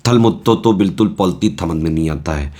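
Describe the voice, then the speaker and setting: A man's voice: low-pitched, brisk, dark tone, pitched below the performer's own voice. A man mimicking a lisping baby-talk whiner. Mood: mocking whine. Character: whiny self-pitying student in baby talk.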